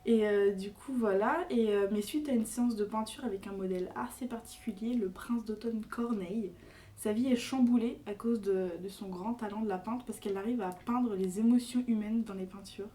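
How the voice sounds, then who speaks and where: A woman's voice: mid-range voice, normal speed, dark tone, far from the mic, a little hiss or hum. A young woman presenting a book on a podcast in casual chat, hesitant with many fillers and restarts. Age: young adult.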